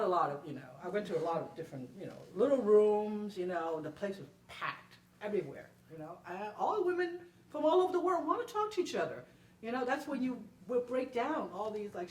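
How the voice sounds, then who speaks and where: A woman on a panel, a performer answering an audience, tells stories in an emphatic, very animated way, repeating herself and checking in with "okay?". Her mid-range voice is brisk. The far microphone in an indoor library event room gives a roomy sound with faint noise.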